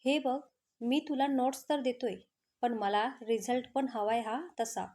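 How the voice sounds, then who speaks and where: A calm young male student reassures his friend, as a woman storyteller reads his lines. His manner stays gentle and caring, and the voice sits high. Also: a little slow, close to an everyday voice.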